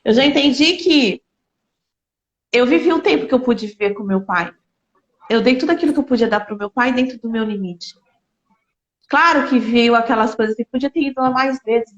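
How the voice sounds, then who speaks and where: A fairly high, earnest woman in a roomy room. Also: moderate pace. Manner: earnest, emotional, repeats phrases for emphasis. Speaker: speaker sharing a personal grief story. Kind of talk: heartfelt conversational talk. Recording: roomy, slightly dull sound.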